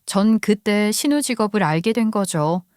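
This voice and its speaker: A woman's voice: medium pitch, expressive, moderate pace, darkish tone, clean tone, dry recording, studio quality. A woman narrating a first-person story in a conversational, confiding way.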